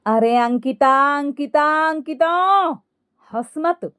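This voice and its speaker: A woman's voice: high-pitched, slow pace, fairly bright tone, dry recording, clean studio sound. A woman voicing a fussy middle-aged mother-in-law who scolds in an exasperated tone. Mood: scolding.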